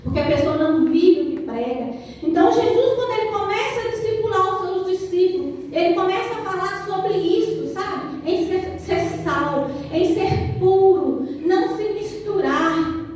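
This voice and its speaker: A woman pastor with a Brazilian accent preaches to her congregation, animated and playful as she tells her stories. Her voice is very high. It is picked up from a distance in a strongly reverberant church hall. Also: moderate pace, slight background noise. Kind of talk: sermon. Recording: very echoey church hall, from afar.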